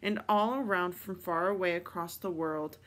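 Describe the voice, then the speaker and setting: A woman reading picture books aloud at storytime, in a slow, expressive, playful way. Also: fairly low pitch. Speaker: storytime reader.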